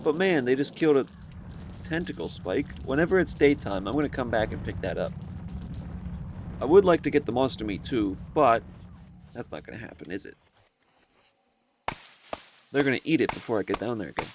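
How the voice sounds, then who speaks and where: A man's voice: medium pitch, sing-song, fairly quick, pauses often, noisy background. A man hosting a casual let's-play, thinking aloud as he plays and often rambling and correcting himself. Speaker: gaming video host.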